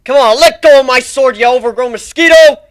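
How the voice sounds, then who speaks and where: A man's voice: very high-pitched, fairly quick, no room sound, pitched above the performer's own voice. A man voicing a bold, battle-hardened griffin fighter who barks orders in a fantasy story reading. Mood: battle fury.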